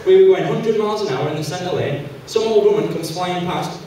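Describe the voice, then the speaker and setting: A young man doing an animated stand-up routine on a small theatre stage, acting out the people he quotes. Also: high voice, fairly quick, a crowd in the background. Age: young adult. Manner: animated, acts out quoted characters. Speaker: stand-up comedian. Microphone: handheld mic, far camera. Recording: echoey hall, from far off.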